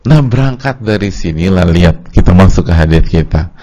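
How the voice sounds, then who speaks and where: A man with an Indonesian accent preaching at a religious study lecture, telling a story with lively, acted-out quoted voices. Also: sits low, moderate pace, highs cut off. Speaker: Islamic preacher.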